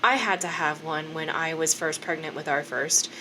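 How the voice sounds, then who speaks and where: A woman's voice: deep voice, moderate pace, bright, forceful tone, slight background noise. A woman in her thirties co-hosting a podcast in casual chat, chatty with frequent laughs and fillers. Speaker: podcast co-host.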